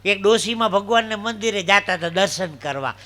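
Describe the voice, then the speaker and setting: A man's voice: sits high, brisk. A man telling jokes and folk stories on stage, acting out the voices of the people in them. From Gujarat, India. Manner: animated joke telling with acted dialogue voices. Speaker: stand-up comedian. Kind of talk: live folk comedy storytelling.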